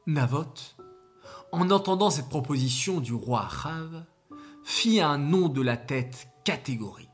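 A children's storyteller reads slowly and with lots of pitch movement, turning to the kids directly to draw the lesson. Faint music plays underneath. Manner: slow, animated, addresses children directly. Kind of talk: religious children's story narration.

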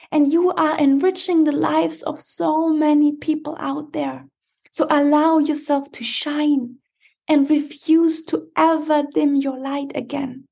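A woman's voice: sits high, vocal fry, dark tone, slightly rough. A woman hosting a motivational podcast, speaking straight to the listener in an emphatic, encouraging coaching style. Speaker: podcast host and empowerment coach.

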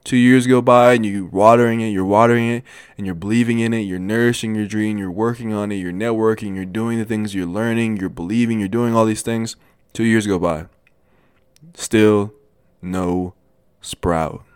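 A man in his twenties telling a motivational story in a casual, animated way, with many restarts and repeated phrases. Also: fairly low pitch, moderate pace, smooth, dry recording, clean studio sound. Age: 20s. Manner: animated, repetitive, lots of restarts. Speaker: motivational vlogger.

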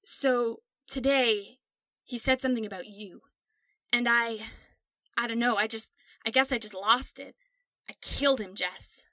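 A woman's voice: fairly high pitch, measured pace, long pauses, bright, forceful tone, no room sound. Woman voicing a morose, distraught young man. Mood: confessing. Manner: matter-of-fact, subdued.

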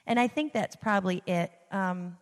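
A woman's voice: mid-range voice, moderate pace. A woman giving an informal, conversational sermon in an encouraging manner, repeating phrases for emphasis. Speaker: church speaker leading a giving appeal. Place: large reverberant room, addressing a gathering. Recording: reverberant hall sound.

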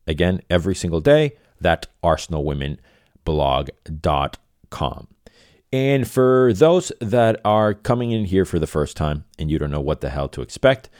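Low-voiced rambling podcast host man. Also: darkish tone, no echo, clean studio sound. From Venezuela. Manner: rambling, self-correcting, repeats phrases. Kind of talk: casual solo podcast monologue.

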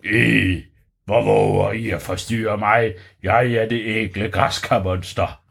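A man voicing a small, boastful male pumpkin monster with a deep, slow, husky voice in a children's story. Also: steady tone, fairly bright tone, full character voice. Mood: pompous. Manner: pompous, sulky boasting.

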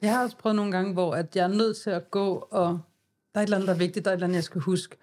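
A woman co-hosting a podcast in casual chat, lively and acting out her own thoughts as she talks. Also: mid-range voice. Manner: animated, acts out her own inner monologue. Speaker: podcast co-host.

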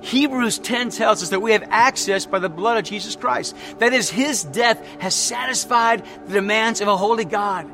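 Male pastor, sermon, high voice, emphatic repetition, faint music underneath. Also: moderate pace, few pauses. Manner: emphatic preaching, repeats key phrases, tells stories.

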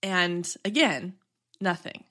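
A woman's voice: fairly low pitch, sharp tone. Congested, chatty woman podcast host. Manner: chatty, quick run-on asides with many "like"s. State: congested, nasal from allergies. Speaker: podcast host and business coach. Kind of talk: casual solo podcast talk.

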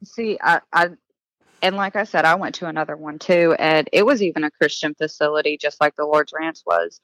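A woman's voice: sits low, lively intonation, a little fast, a bit bright, dry recording, low-quality recording. A woman recounting her past plainly and earnestly as a guest in a casual interview. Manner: earnest, matter-of-fact recounting. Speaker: podcast guest.

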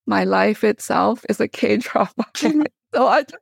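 On a conversational podcast, a middle-aged woman born in Korea, who immigrated in 1975 and works as a theologian and teacher, speaks with enthusiasm. Her mid-range voice is expressive and unhurried, with vocal fry and a breathy edge, captured in echo-free studio quality.

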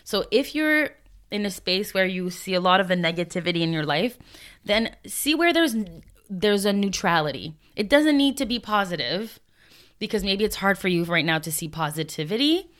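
A woman's voice: medium pitch, animated, moderate pace, a bit bright. A woman in her thirties hosting a solo podcast, talking in a chatty, reflective way and laughing now and then. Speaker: podcast host. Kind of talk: casual solo podcast talk.

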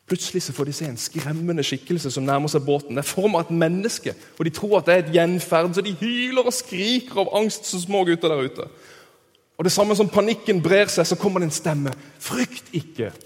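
A man preaching a storytelling sermon, engaging and posing questions to his listeners. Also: sits high. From Kristiansand, southern Norway. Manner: lively, engaging, asks the audience questions. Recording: reverberant hall.

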